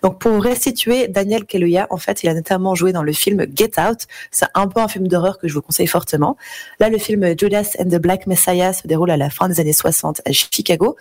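A woman's voice: on the low side, brisk, a little mellow. A woman presenting a celebrity news segment on the radio, chatty and casual, often correcting herself mid-sentence. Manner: chatty, self-correcting, apologizes for her English accent. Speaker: radio entertainment columnist.

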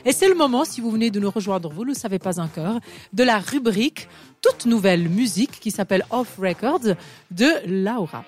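A woman hosts an evening radio show from a studio, chatty and quick to react. Soft music plays faintly in the background. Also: mid-range voice, animated. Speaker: radio host.

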